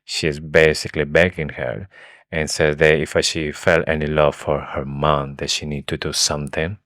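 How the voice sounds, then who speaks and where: A man's voice: a bass voice, flat delivery, normal speed, a bit bright, no echo, clean studio sound. A man co-hosting a podcast, casually recapping book chapters with a hesitant, filler-heavy way of talking. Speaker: podcast co-host.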